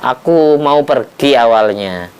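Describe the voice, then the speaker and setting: A small, timid hoopoe bird, as a man puts it on pleads its case, slow and earnest. The voice stays clear and resonant, only a touch higher. It is part of a preacher's retold story. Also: expressive, darkish tone. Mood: pleading. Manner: pleading, explaining.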